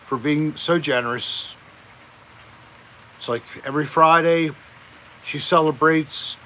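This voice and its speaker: A man hosts a laid-back live chat, calling out viewers by name. His voice sits a little high and he takes his time with every phrase. A faint outdoor hiss stays in the background. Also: rough recording. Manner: relaxed, chatty, greets viewers by name. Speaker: livestream host.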